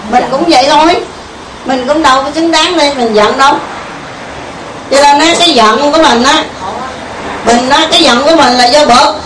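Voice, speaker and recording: Leading an informal Buddhist meditation talk, a woman with a Southern Vietnamese accent often turns questions back to the group in a conversational way. Her voice sits high and is a bit bright, at a normal speed with long pauses. Echoey room, distant mic, faint hiss.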